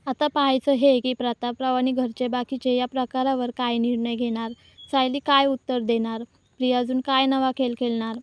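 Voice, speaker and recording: High-voiced woman recapping a serial. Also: level tone, moderate pace, smooth. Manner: addresses viewers directly, dramatic recap. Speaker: serial review narrator. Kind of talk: scripted episode recap narration.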